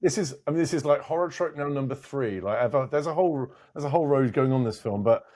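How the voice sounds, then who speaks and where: A man's voice: medium pitch, animated, quick pace, darkish tone. A man talking casually about a film, exasperated and conversational, laughing often. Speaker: guest film reviewer. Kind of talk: casual film review chat.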